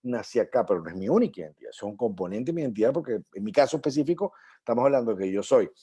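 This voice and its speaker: A man's voice: medium pitch, expressive, very fast, mellow, slightly rough. A man from Venezuela, speaking as a panelist on an online panel, explaining at length with many restarts and fillers.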